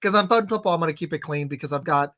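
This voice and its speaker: A man's voice: a little high, racing, a bit bright. Thirty-something guy hosting a sports pod, rambly, keeps restarting sentences. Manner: rambling, many fillers and restarts. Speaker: podcast host. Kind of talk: casual sports chat.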